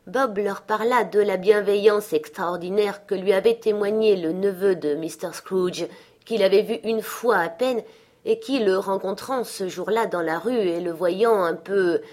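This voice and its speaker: A woman reading a classic novel aloud as an audiobook, in calm, measured storybook narration. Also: mid-range voice. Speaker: audiobook reader.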